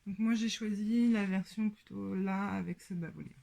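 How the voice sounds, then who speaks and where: A woman with a French accent hosting a casual sewing show-and-tell, talking with many pauses and fillers. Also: mid-range voice, fairly even intonation, creaky, warm tone. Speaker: sewing podcast host.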